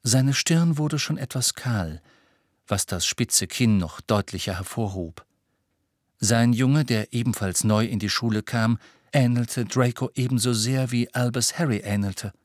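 Reading scripted narration for an audiobook, this man keeps a steady, measured storytelling pace. His voice sits fairly low, captured dry at studio quality.

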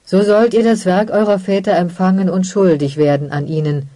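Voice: mid-range voice, steady tone, moderate pace, mellow, no room sound, pitched above the performer's own voice, natural voice. A reader voicing a solemn male master of ceremonies reciting a ritual formula. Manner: formal, declaiming ritual words.

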